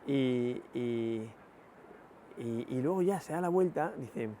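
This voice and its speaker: Reflective priest. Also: male voice, medium pitch, lively intonation, slow, warm tone, slight background noise. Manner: reflective, many rhetorical "¿no?" asides and hesitations. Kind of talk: spoken meditation, sermon.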